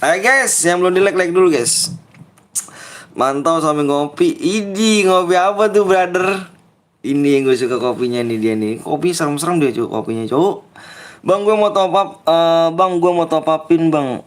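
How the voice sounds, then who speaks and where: During his game stream, a young livestreamer speaking with a Betawi Jakarta accent jokes around with viewers, playfully parroting their begging. He has a voice on the high side and keeps a moderate pace.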